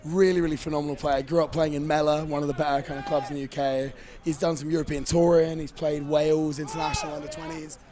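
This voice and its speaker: A man's voice: on the high side, flat delivery, fast talker, over music. A young English man giving casual, chatty live commentary at a lacrosse match outdoors. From England. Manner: chatty, upbeat, slangy. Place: outdoors at a sports field.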